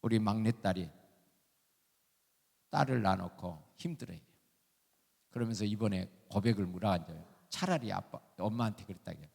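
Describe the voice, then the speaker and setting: A man's voice: on the low side, normal speed, vocal fry, long pauses, a little mellow, breathy edge. An older male emeritus pastor, preaching a sermon in a folksy, emphatic way and firing off rhetorical questions, recorded in a church sanctuary. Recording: long church hall reverb.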